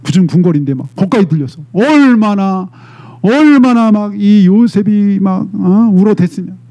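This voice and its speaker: Animated Korean pastor preaching, high voice. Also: male voice, normal speed. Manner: animated, dramatic retelling with frequent "eh?" prompts to the congregation. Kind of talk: sermon.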